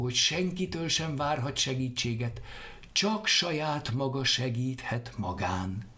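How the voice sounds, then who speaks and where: A man reading a folk tale aloud in an expressive storytelling manner. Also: mid-range voice. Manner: lively, expressive. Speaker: narrator.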